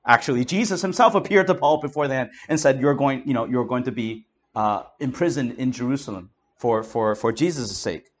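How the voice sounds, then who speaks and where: A man's voice: medium pitch, brisk, hardly any pauses. A man preaching, explaining Scripture verse by verse in an emphatic, conversational way. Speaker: pastor. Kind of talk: expository Bible teaching.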